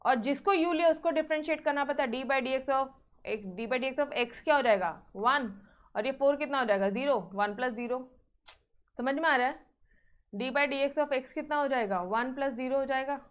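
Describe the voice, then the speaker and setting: Fairly high-voiced woman teaching maths. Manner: coaxing, checks in with students often; mixes Hindi with English terms. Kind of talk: online maths class.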